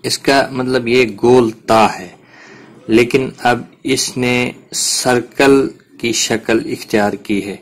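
Male Quran tutor, patient explanatory delivery, mid pitch. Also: fairly even intonation. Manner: patient, explains step by step with examples. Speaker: Quran tajweed teacher. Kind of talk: explanatory lesson.

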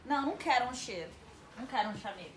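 A woman's voice: on the high side, expressive, very fast, background noise. A young woman in a playful vlog squabble, insistent and mock-offended, repeating her refusals. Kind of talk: playful bickering vlog chat. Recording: echoey room with crowd chatter.

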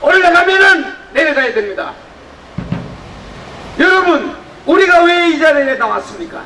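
A man giving a fiery political speech to an outdoor rally, calling out rhetorical questions to the crowd and rising to shouts. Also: very high-pitched, expressive, normal speed. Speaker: rally speaker. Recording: echoey, distant outdoor PA recording with noise.

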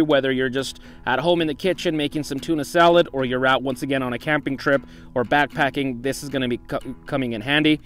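A man's voice: mid-range voice, a bit bright. A young man hosting an outdoor vlog in the desert, talking casually about gear and often saying "once again" and "you know". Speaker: outdoor channel host.

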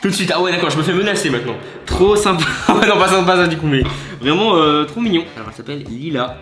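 A man's voice: on the high side, expressive, over music. A young man chatting casually and laughing as he reacts to fans' voice messages. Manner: chatty, laughs often, quick asides. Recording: roomy echo.

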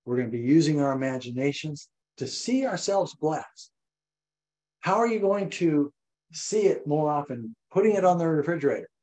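An older man preaching a sermon as pastor, animated and repetitive, acting out voices. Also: moderate pace, poor audio. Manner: animated, repeats phrases, acts out voices with rising pitch. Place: church.

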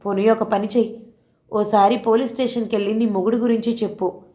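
A woman voicing a calm, middle-aged woman officer who gives advice in a measured way. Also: a little high, lightly acted. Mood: advising.

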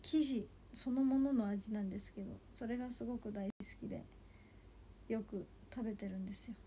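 A woman in her twenties chatting casually on a solo livestream, soft and a little sleepy, sometimes dropping to a murmur. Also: on the high side, fairly even intonation, fairly quick, a little hiss or hum. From Japan. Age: 20s. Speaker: idol livestreamer.

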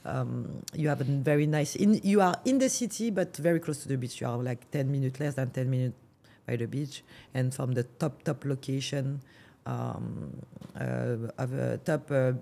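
A woman's voice: extremely low pitch, very animated, moderate pace, vocal fry, mellow. A woman with a French accent, a real estate agent answering interview questions in a hesitant way, with many fillers and restarts. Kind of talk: casual interview.

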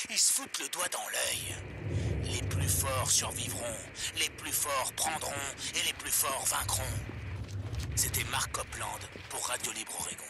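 A defiant pirate radio host. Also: male voice, medium pitch, expressive, a little slow, vocal fry. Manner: preachy, combative, mocking. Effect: pirate radio broadcast in a game. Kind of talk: video game dub acting. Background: loud game music.

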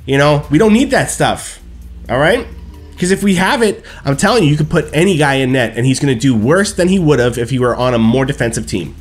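A man's voice: mid-range voice, fairly quick, soft background music. A man in his thirties on a headset at home, ranting emphatically about a hockey game after it ends and checking in with his viewers with "okay?" and "right?". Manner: animated, emphatic, keeps asking "okay?" and "right?". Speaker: hockey fan streamer. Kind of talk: post-game hockey rant. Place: small room at home, seated in gaming chair.

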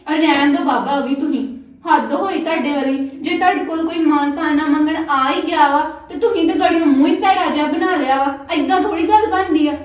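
Casting: a woman as a high-voiced, quarrelsome Punjabi sister-in-law, recorded far off in a very echoey room. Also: highs cut off, close to an everyday voice. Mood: angry. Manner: quarrelsome, complaining, quick to take offence. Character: young married woman, sister-in-law demanding money, sharp-tongued. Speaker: actor in a family drama. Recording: very echoey room, mic at a distance.

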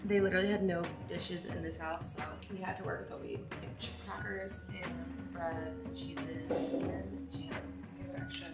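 A woman's voice: on the low side, animated, normal speed. A young woman chatting in a casual, upbeat travel vlog, gushing about what she shows. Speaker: travel vlogger. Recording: vlog with music playing underneath.

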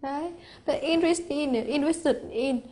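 Woman, Hanoi accent, high voice, patient step-by-step grammar teacher, rhetorical check-ins. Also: moderate pace, dark tone. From Vietnam. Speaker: English teacher. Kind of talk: exam-prep grammar lesson.

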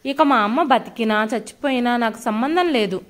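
A woman's voice: fairly high pitch, moderate pace, natural voice. Brief: angry, snobbish young son, harsh and scornful, woman reading him. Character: arrogant, angry young office-worker son.

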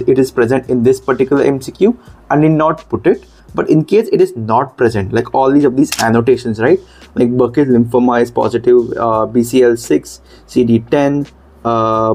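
A man at an ordinary middle pitch explains medical exam material step by step. He speaks emphatically and stops often to check with the listener. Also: warm tone. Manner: explanatory, emphatic, repeats 'okay'. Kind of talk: screen-demo lesson.

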